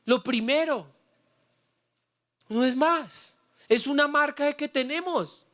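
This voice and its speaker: A man's voice: very high voice, slow pace, sharp tone. A man preaching a sermon as pastor, urging the congregation to repeat after him and sharing his own story with feeling. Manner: fervent, prompts the congregation to repeat words; personal and heartfelt storytelling.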